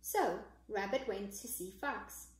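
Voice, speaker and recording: A woman's voice: mid-range voice, slow pace. A woman reading a picture book aloud to children, chatty and encouraging as she invites them to get comfy. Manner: warm, chatty and encouraging to young listeners. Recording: echoey room.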